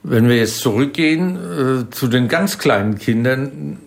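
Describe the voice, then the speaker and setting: A man's voice: medium pitch, a little slow, gravelly. A man interviewing guests in a casual, encouraging way, with many affirming murmurs. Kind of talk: conversational interview.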